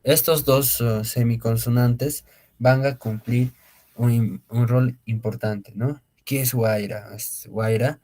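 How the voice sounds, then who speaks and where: A man teaches a beginner Quechua class online, explaining slowly with many fillers, repeated words and tag questions. His voice is medium-pitched, steady and mellow.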